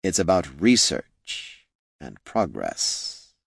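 A man voicing an undead male lich wizard, speaking slowly in a hollow, scornful, condescending way. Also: very deep voice, huge pitch swings, vocal fry, breathy edge, no echo, heavily acted. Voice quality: hollow, slow and drawn-out. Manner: condescending, dryly mocking.

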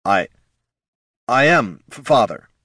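A man's voice: lowish voice, lively intonation, takes it slowly, fairly bright tone, dry recording, studio quality, full character voice. A man voicing a timid grown son who stammers and halts nervously in an audiobook. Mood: stammering. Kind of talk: audiobook character voice.

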